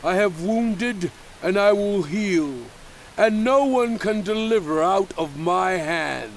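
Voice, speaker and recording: An actor playing Moses as a solemn prophet in a dramatized scripture reading, declaiming in deliberate phrases. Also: male voice, high voice, slight background noise. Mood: commanding, triumphant.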